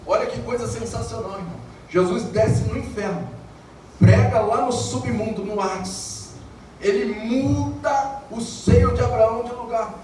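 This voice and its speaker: Man, Brazilian accent, high-pitched preacher, echoing church hall, music underneath. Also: a little slow, far from the mic, a little hiss or hum. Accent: Brazilian Portuguese. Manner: builds to shouted, sung climaxes. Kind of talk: evangelical sermon. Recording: echoey church hall heard from afar, music behind.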